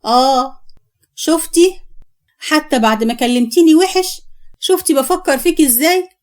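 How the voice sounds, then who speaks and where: A dramatic older Egyptian mother-in-law who exclaims and needles, played by a woman storyteller. Her voice sits high and rises sharply on her outbursts. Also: normal speed, darkish tone, lightly acted. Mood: sweetly sly. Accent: Egyptian Arabic. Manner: exclaiming, shrill, sly.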